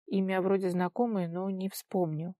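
A woman's voice: medium pitch, level tone, moderate pace, no echo, studio quality, close to an everyday voice. A woman voicing a loyal, flustered young man, a childhood friend, in a storybook reading. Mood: subdued. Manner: shouting over the wind.

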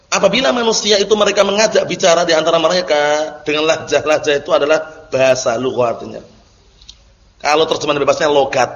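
A male teacher with a slightly high, fairly bright voice gives a classroom grammar lecture, explaining terms and frequently checking that students understand. The recording is dull and lo-fi, made in an echoey hall.

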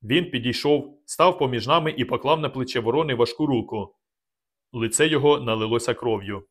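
A man calmly narrating a novel in the first person, as an audiobook. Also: medium pitch, a little fast.

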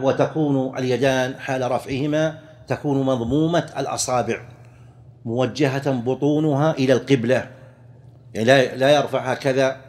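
Man, religious teacher, methodical, numbered points, slow drawn-out quotes, mid-range voice. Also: medium pitch, a little mellow. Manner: methodical, enumerates points, drawls quoted phrases slowly. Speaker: Islamic jurisprudence teacher. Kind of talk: explaining a fiqh text lesson.

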